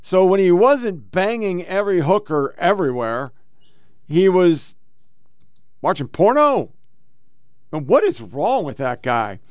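A man's voice: high-pitched, very animated, measured pace, pauses often, clean tone, no echo, muffled recording. An American man hosting casual political commentary, blunt and full of swearing. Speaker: host.

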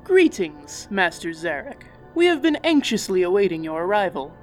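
A woman's voice: mid-range voice, big pitch swings, moderate pace, a little mellow, faint music behind, natural voice. A woman voicing a dignified angel leader. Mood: poised. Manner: poised, formal.

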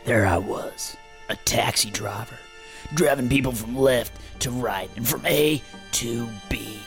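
A man's voice: mid-range voice, a little slow, a bit bright, faint music behind. A man reading the part of a brooding former taxi driver in solemn voice-over narration during a script read-through.

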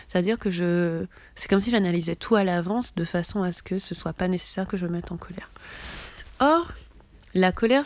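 A woman coach with a medium-pitched, darkish voice leads a group challenge. Her motivational talk is casual, blunt and emphatic, with plenty of swearing.

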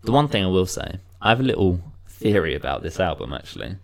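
Deep-voiced man chatting about music. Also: very animated, fast talker, creaky, a little mellow. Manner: rambling, restarts, many "you know". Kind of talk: casual music review chat.

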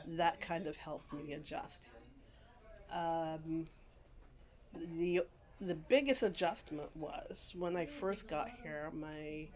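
A middle-aged woman from England speaks with a somewhat low voice. She tells her story in a rambling, unhurried way, with restarts and laughs. It is an oral history interview recorded in a library. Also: darkish tone. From England, grew up partly in Guyana.

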